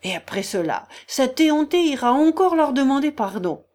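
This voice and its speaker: A woman's voice: very animated, moderate pace, a little mellow. A woman doing a furious, scolding older noblewoman. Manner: shrill, scolding outbursts. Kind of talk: audiobook character voice.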